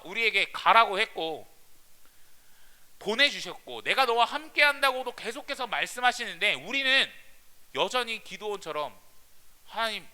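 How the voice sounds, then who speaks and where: A man's voice: high-pitched, pushed and bright, clean tone. A man, a youth pastor, preaching a sermon and answering his own rhetorical questions with emphatic call-and-response.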